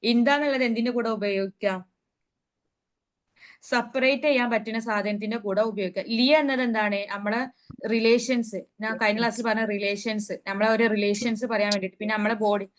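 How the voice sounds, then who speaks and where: A woman teaching an online grammar lesson over a video call, asking her students questions and then answering them herself, and reading vocabulary out slowly. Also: on the high side, steady tone. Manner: recites Arabic words slowly. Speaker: Arabic teacher. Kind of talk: online class explaining grammar.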